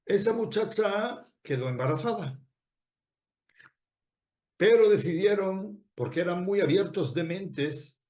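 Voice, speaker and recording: A man with a high, light voice tells a long moral story as a rabbi preaching. He talks in an animated way, repeats phrases and puts rhetorical questions to his listeners. The sound rings in an echoey room. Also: takes it slowly, long pauses. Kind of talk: storytelling sermon.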